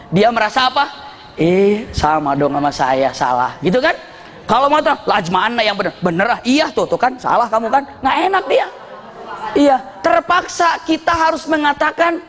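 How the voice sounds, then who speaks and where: A man preaching at a religious study session, telling lively, humorous stories and acting out the voices of the people in them. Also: very high-pitched. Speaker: Islamic preacher. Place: mosque study hall. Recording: echoey hall with faint noise.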